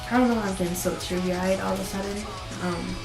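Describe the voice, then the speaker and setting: A woman's voice: medium pitch, little pitch movement, fairly quick. A woman vlogger telling a story in a casual, rambling way with many fillers. Her voice sounds sick and teary. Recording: roomy echo with music behind.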